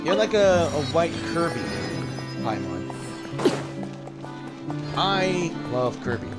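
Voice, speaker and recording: A man's voice: a little high, big pitch swings, slow, loud music behind the voice. A man giving casual commentary while playing a game, chatting and reading dialogue aloud. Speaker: gaming streamer.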